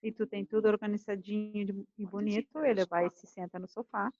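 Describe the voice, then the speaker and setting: A communication coach lectures her class at a brisk pace, her medium-pitched voice captured dry with no echo and the highs cut off. She's animated, acting out couples' arguments in quoted form as she explains.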